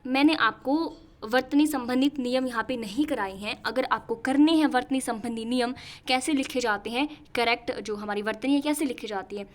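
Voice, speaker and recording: A woman's voice: on the high side, normal speed. A young woman teaching a Hindi spelling lesson for exam preparation, asking questions and answering them herself. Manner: repetitive questioning, answers her own questions.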